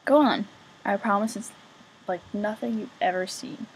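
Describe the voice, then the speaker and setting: A woman voicing a hearty, jovial navy captain father with a booming manner. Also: normal speed, husky, low-quality recording.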